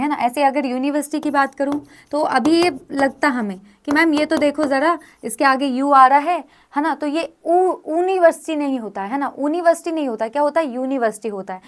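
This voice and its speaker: A woman from India with a high voice teaches a grammar lesson, walking through the rules step by step. She often stops to ask her students check-in questions, and there's slight background noise.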